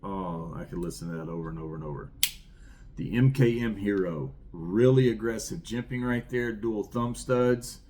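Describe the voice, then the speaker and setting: This knife collection reviewer, a middle-aged man with a rural Southern American accent, speaks at normal speed in a lowish, mellow voice, with slight background noise present. He rambles with enthusiasm and repeats words while casually showing off his collection.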